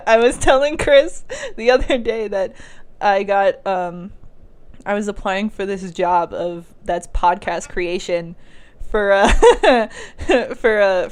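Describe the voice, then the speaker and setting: Woman co-host, quick and giggly, mid-pitched. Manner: fast, giggly, playful. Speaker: podcast co-host. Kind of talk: casual podcast chat.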